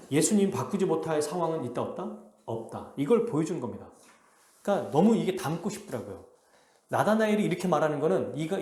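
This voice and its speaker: A male pastor preaching a sermon with animated delivery, acting out the quotes he reads. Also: on the high side, echoey room. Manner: animated, acts out quotes in a lively voice. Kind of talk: expository sermon. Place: church sanctuary.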